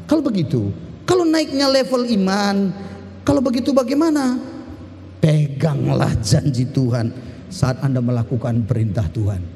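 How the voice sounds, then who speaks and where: A man pastor giving a lively sermon, shifting from sudden shouts to slow, emphatic drops. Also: on the high side, big-room sound.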